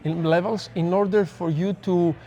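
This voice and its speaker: A man's voice: high-pitched, steady tone, moderate pace, dark tone, muffled recording. A man with a Greek accent, a neuroscientist guest speaking in an earnest, reflective way in a casual podcast conversation. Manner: earnest, reflective, explains with examples.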